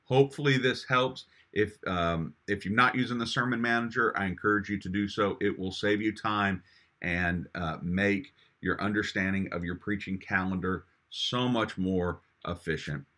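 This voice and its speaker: A middle-aged man, a pastor, enthusiastically demonstrating sermon-planning software in a screen recording, with casual ums and restarts. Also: on the low side, fairly even intonation, normal speed. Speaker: pastor giving a software tutorial.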